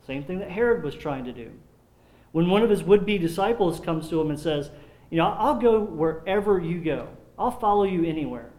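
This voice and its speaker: A man preaching a sermon in an earnest, measured way, sometimes repeating words as he restarts a phrase. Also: high voice, lively intonation, a little mellow. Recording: echoey room.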